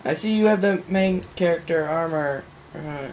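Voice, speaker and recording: A young man casually commentating a video game, excitable and swearing, shouting at the screen when things go wrong. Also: fairly high pitch, moderate pace. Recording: noisy home recording.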